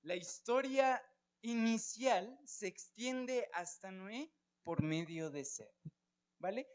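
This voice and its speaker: A man with a Colombian Spanish accent teaching a church Bible class, often checking in with his students and asking them questions. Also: high-pitched.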